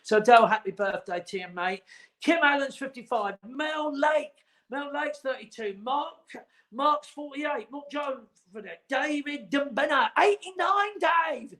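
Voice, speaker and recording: A man's voice: extremely high pitch, expressive, measured pace, sharp tone. A man in his forties hosting a casual livestream chat from home, rambling and teasing. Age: 40s. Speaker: host.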